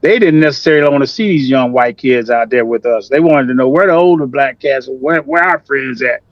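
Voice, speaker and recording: A musician guest speaks emphatically and plainly in a casual interview, heard over a remote video call through a computer mic. His mid-range voice is fairly quick, and the line sounds muffled and dry with no room sound.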